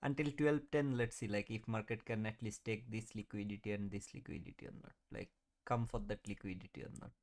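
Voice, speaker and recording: A man's voice: lowish voice, steady tone, a little fast, a little mellow. A man in his thirties hosting a live trading stream, chatting casually, answering viewers and laughing often. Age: 30s. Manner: mutters at the chart while watching. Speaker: trading livestream host.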